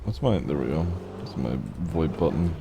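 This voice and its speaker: A man's voice: extremely low pitch, animated, normal speed, gravelly, background noise. A male streamer roleplaying in a game and chatting with viewers, incredulous and laughing at his friend. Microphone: streaming mic.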